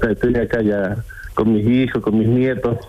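A man in his sixties with an Argentine accent, a builder calling into a radio show, friendly and talkative with halting restarts. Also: fairly low pitch, level tone, muffled recording, slight background noise. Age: 60s. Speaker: caller, builder. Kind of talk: phone-in conversation.

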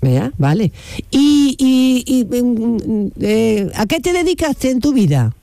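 A woman's voice: a little high, sing-song, gravelly, dark tone. A woman hosting a radio call-in show, chatting casually and firing questions at a caller. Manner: chatty, teasing, asks questions in quick succession.

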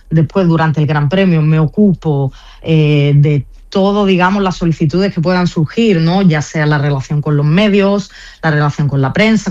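A young woman from Spain, whose slight Andalusian Spanish accent carries an Italian tinge, speaks as a team press officer in a radio interview. She is chatty and full of fillers and restarts, with a lowish, somewhat mellow voice on lo-fi sound.

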